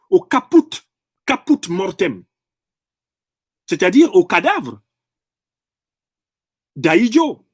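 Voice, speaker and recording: A man's voice: high voice, no room sound, clean studio sound. A man delivering an impassioned political monologue in French, emphatic and professorial, often repeating and rephrasing phrases to drive a point home. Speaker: political commentator.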